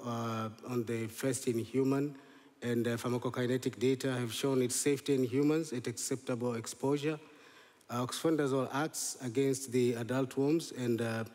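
Middle-aged Tanzanian-born man, conference presenter, halting delivery, mid pitch, big echoing hall. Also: a little mellow. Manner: hesitant, many fillers and restarts. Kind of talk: scientific conference talk. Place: large lecture hall, standing on stage. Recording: long hall reverb.

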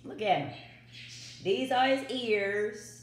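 A woman's voice: fairly high pitch, slow pace. A middle-aged woman, chatting casually to viewers of her home cooking vlog, repeating her catchphrases. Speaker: vlogger. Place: home kitchen. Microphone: built-in phone mic on the counter. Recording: echoey kitchen.

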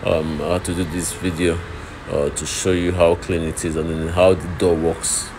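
A man's voice: low-pitched, little pitch movement, normal speed. A man walks through his oven workshop, explaining each step and repeating himself as he films on his phone. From Nigeria. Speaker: oven fabricator showing his work. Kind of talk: walkthrough narration while filming. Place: workshop and outdoor street site. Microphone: phone held while filming. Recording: phone video with loud background noise.

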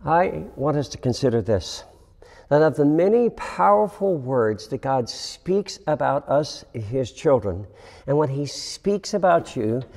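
A man preaching a sermon as pastor, slow and reflective, with dramatic pauses and hushed emphasis. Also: mid-range voice. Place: church sanctuary. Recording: long reverb of a church hall.

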